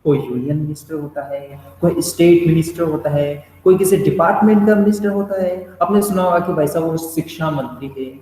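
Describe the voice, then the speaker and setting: Male lecturer, a touch high-pitched, question-driven delivery, echoey room with faint noise. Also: brisk, few pauses, warm tone. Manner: explains with repeated questions and "bhai sahab" asides, mixing English phrases. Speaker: teacher. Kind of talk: classroom lecture.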